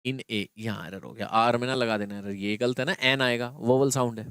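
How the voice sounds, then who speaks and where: Male teacher, clear voice, dry sound. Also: mid-range voice, steady tone, moderate pace, fairly bright tone, no echo. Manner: explains step by step, often checks in with students. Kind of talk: exam prep grammar lesson.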